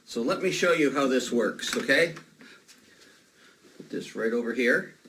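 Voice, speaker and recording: A man's voice: medium pitch, animated, measured pace, pushed and bright. A man performing as a children's party magician, playfully coaxing kids with questions and exclamations, recorded on a noisy, distant microphone.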